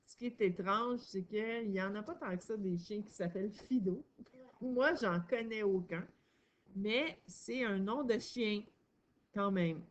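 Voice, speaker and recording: A woman's voice: mid-range voice, unhurried, muffled recording. A woman teaching a young child to read, patient and encouraging, stressing each sound and syllable. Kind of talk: reading lesson for a young child.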